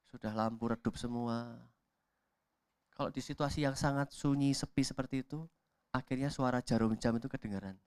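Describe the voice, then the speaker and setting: Pastor with a lilt. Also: male voice, fairly low pitch, clean tone, dry recording, clean studio sound. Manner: acts out voices in quotes, swings from loud shouts to whispers. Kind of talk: sermon. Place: church hall.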